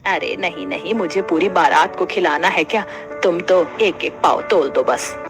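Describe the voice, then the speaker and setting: A woman voicing a stingy older mother-in-law in an animated family story, bossy and scolding. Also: on the low side, normal speed, over music, natural voice. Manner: scolding, penny-pinching.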